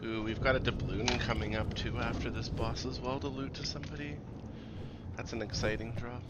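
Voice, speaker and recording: A man leading a raid group over casual gaming voice chat, relaxed and swearing freely as he organizes everyone. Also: mid-range voice, brisk, lo-fi sound, heavy background noise. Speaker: raid leader and streamer.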